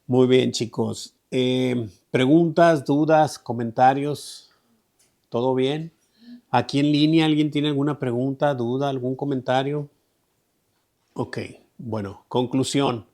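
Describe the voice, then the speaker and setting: A man leads an online Bible study. His voice is mid-pitched, and he explains scripture in a loose, conversational way. He repeats phrases and often checks with his listeners. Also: fairly even intonation, slow pace, a little mellow. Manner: conversational, repeats himself, asks "¿verdad?" often. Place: online group meeting.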